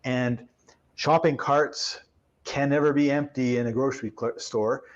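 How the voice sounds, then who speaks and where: A man's voice: mid-range voice, measured pace, dull audio. A man telling a workplace story in a conversational interview, acting out the voices of the people in it. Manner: animated storyteller, acts out quoted voices.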